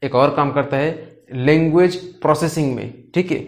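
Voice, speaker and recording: A man with a slightly higher-than-usual voice talks through an anatomy lesson in a loose, conversational way. He keeps asking the listener if they're following along and slips into short acted-out examples. It sounds like he's recording at home. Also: moderate pace. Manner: conversational, checks in often with rhetorical "okay?"; acts out short example lines to illustrate. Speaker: medical educator. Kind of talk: casual explanatory lecture. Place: home, rain and a barking dog audible outside.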